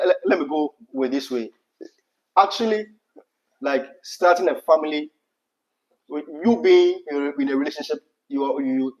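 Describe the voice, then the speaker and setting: Male host, Ghanaian accent, lighter high-set voice, informal advice, halting delivery, somewhat muffled recording. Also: a little mellow. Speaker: host answering viewer questions. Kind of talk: casual advice chat.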